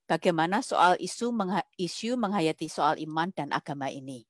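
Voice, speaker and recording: Low-voiced woman moderator, dry sound. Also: animated, moderate pace, no echo. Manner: reads out audience questions, keeps track of time. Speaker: webinar moderator. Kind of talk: moderating a webinar.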